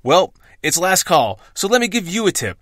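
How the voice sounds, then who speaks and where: A man's voice: sits high, sing-song, normal speed, a bit bright, dry recording, clean studio sound. An American man delivering a scripted podcast sign-off with a wry, brash bartender manner. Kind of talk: scripted podcast intro and outro.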